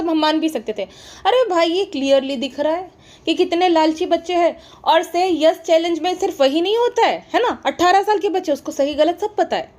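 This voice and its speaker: High-voiced sarcastic woman commentator. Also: darkish tone. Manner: sarcastic, mocking, scolding. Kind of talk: gossip commentary vlog.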